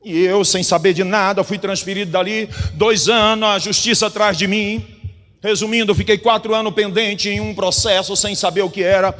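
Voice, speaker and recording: High-voiced fervent male preacher in a hall. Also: steady tone, moderate pace, faint music behind. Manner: fervent preaching, swinging from loud declarations to quiet testimony. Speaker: pastor. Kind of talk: sermon. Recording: long hall reverb.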